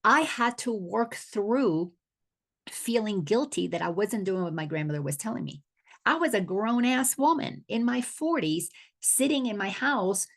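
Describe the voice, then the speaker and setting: A woman's voice: medium pitch, creaky. A middle-aged woman from the Dominican Republic, an awareness coach giving a spiritual teaching talk, earnest and often restarting her words.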